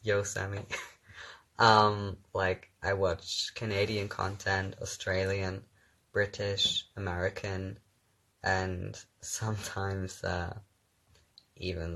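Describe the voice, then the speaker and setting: In a low, slightly bright voice, a young actor whose native language is German chats on his own phone livestream. He reads viewers' questions aloud and replies with ums and relaxed laughs.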